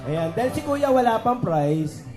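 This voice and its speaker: High-voiced joking party magician man. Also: sing-song, unhurried. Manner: joking, teasing, coaxes kids and guests. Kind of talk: lively party hosting with crowd banter. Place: indoor party venue with PA speakers. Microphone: handheld microphone through PA. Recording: echoey PA sound with party music. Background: party music.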